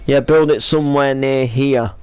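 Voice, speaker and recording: A man's voice: mid-range voice, steady tone, normal speed, a little mellow, smooth. A man from East Yorkshire chatting casually and joking with a friend while playing a building game. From East Yorkshire, England. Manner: joking, rambling, many fillers. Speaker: gaming channel host. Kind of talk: casual chat while gaming.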